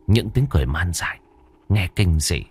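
Man, horror story narrator, dramatic expressive reading, deep voice, swooping intonation. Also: normal speed, husky.

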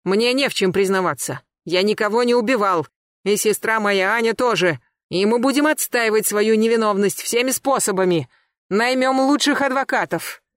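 A reader voicing an agitated male suspect who shouts and protests his innocence under interrogation. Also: mid-range voice, normal speed, no room sound, voice pushed up, lightly acted. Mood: defensive. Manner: shouting, indignant, defensive. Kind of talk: audiobook character voice.

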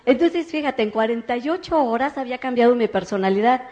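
A woman giving a lively motivational testimony, acting out the voices of the people she quotes. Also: a little high, quick pace, muffled recording, slight background noise. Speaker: network marketing speaker.

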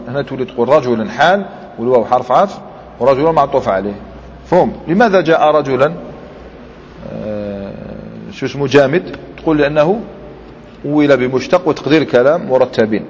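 A man's voice: medium pitch, a little mellow, a little hiss or hum. Man teaching grammar in a hall. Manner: explains step by step, quizzes students with quick questions. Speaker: Islamic scholar teaching Arabic grammar. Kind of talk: classroom grammar lesson. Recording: dull lo-fi recording with long hall reverb.

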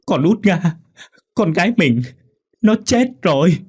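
A man voicing a grieving older peasant mother who wails and sobs loudly. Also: high-pitched, animated, unhurried, husky, voice pushed up, exaggerated voice. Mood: wailing. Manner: loud sobbing wails.

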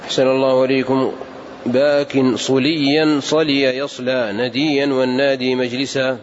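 A man reading hadith text aloud in a steady, formal recitation in a large mosque. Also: mid-range voice, moderate pace, dull audio, a little hiss or hum.

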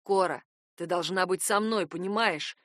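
Woman putting on a hoarse hissy young guy, lower voice, obsessed and volatile, swings from pleading to threats. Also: moderate pace, fairly bright tone, no room sound, clean studio sound, natural voice. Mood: obsessive, menacing. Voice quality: hoarse, hissing. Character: desperate menacing young man, obsessive and volatile. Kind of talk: audiobook character voice.

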